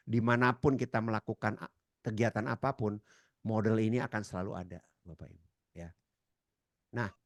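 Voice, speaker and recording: A man lectures a seminar audience in a somewhat low voice. He slips into quoted dialogue with sudden high, loud outbursts. The recording is dry and close, with no room echo. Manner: addresses audience as Bapak Ibu. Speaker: trainer.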